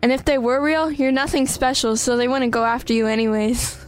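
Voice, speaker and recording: Brief: bossy older sister, acted by a woman, high, with soft music behind. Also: flat delivery, brisk, lightly acted, rough recording. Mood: dismissive. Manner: blunt, dismissive.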